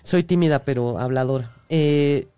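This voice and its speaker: A woman's voice: rumbling low, normal speed, clear, resonant tone, dry recording. A young woman with a Mexican accent, a podcast guest telling stories in casual chat and acting out the voices of the people in them. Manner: lively, animated storyteller who acts out voices. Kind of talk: casual drunk storytelling.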